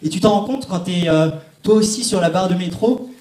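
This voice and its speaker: A man's voice: high-pitched, a little fast, darkish tone. Chatty young male stand-up comic. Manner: chatty, addresses the audience directly. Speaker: stand-up comedian. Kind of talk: stand-up comedy set. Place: comedy stage in a large theatre. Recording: echoey theatre.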